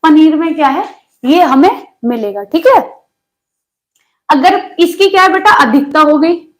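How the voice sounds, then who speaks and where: A woman's voice: high voice, animated, a little slow. A young woman teaching an online exam-prep lesson in a chatty way, teasing her students with jokes.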